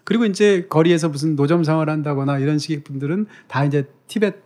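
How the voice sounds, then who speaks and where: A man co-hosting a book talk show, telling travel anecdotes in a lively way with frequent chuckles. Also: a little high, fast. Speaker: podcast co-host and author. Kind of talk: casual talk-show chat.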